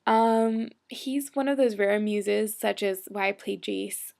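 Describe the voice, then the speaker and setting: A woman in her twenties talks casually to her webcam in a hyper, bubbly way. Her voice has a gravelly fry, and she slips into whispered asides between her chatter. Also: mid-range voice, takes it slowly, a little mellow. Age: 20s. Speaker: role-play blogger.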